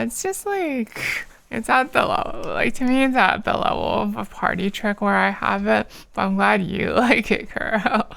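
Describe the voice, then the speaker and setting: A woman's voice: medium pitch, vocal fry. A tired woman streamer chatting casually with her viewers while she draws, rambling with lots of fillers. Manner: rambling, many fillers, soft laughs.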